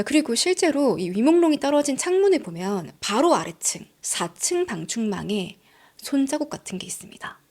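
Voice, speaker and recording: A woman's voice: high-pitched, darkish tone. A woman hosting a channel, telling a true-crime story in a conversational, dramatic way, sometimes dropping into a whisper for emphasis. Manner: conversational, addresses viewers directly. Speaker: channel host.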